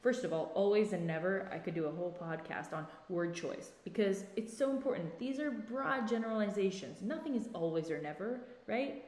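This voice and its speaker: A woman's voice: medium pitch, animated, a little fast, few pauses, a little mellow, roomy sound, long reverb tail. A woman hosting a self-help podcast, talking directly to listeners and coaching them, often checking in with "right?" and "okay?". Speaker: podcast host.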